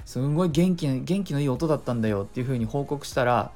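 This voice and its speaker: He's a fast-talking middle-aged podcast host with a medium-pitched, expressive, slightly mellow voice. On his casual solo show he chats, explains himself, hands out speaking tips, and drops in little imitated noises.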